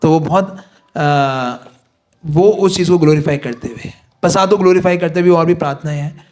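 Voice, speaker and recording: A man's voice: fairly high pitch, moderate pace, a little mellow. A man teaching a devotional course, explaining in Hindi with English phrases and chanting prayers. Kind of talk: devotional class lecture.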